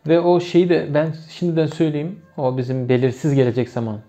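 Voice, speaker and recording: Man teaching, Turkmen accent, hesitant and full of fillers, warm tone, slightly higher voice. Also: flat delivery, brisk, muffled recording, faint music behind. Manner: hesitant, with many fillers and self-corrections. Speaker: language teacher. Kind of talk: casual video lesson.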